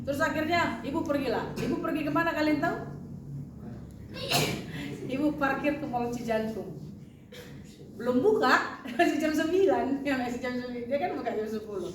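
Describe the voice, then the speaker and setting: Woman giving a testimony, animated, does the voices, super echoey and far from the mic. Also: high-pitched. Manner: animated, acts out voices in quotes, laughs while telling. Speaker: dormitory caretaker. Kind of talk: personal testimony storytelling. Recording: echoey room from far off with background noise.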